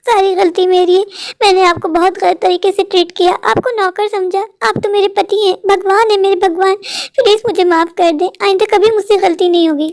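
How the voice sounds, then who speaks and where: A woman's voice: very high-pitched, steady tone, brisk, darkish tone. A woman voicing a repentant young wife in a cartoon story, pleading and apologetic. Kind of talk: dubbed Hindi cartoon story.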